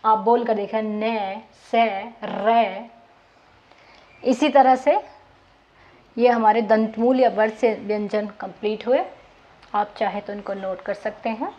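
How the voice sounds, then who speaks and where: A woman teacher gives a Hindi grammar lesson, speaking very slowly and carefully. She sounds out each consonant and repeats it for her students. Her voice sits a bit high, and the recording is dull and lo-fi. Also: steady tone, dark tone. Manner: slow, patient, demonstrates sounds and repeats them.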